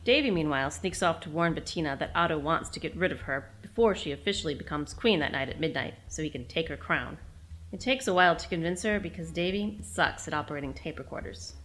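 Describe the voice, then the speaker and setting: Woman host reading her recap aloud; fond tone, low-pitched. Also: animated, quick pace, fairly bright tone. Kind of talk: scripted reading.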